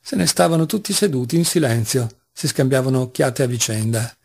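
A man narrating a classic novel as an audiobook reader, in a measured, even reading. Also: mid-range voice, gravelly, husky.

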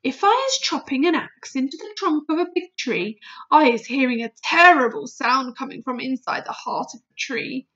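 A woman voicing a gentle, proud, excitable giant in a storybook, with quaint, ungrammatical speech and muddled invented words. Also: high-pitched, normal speed, dull audio. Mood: solemn, awed. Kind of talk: storybook character voice.

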